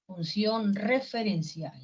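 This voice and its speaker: Peruvian woman teacher, unhurried delivery, asks the class questions; muffled lo-fi classroom recording. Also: mid-range voice, darkish tone. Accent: Peruvian Spanish. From Peru. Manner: slow, explains step by step with questions to the class. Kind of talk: language class lecture.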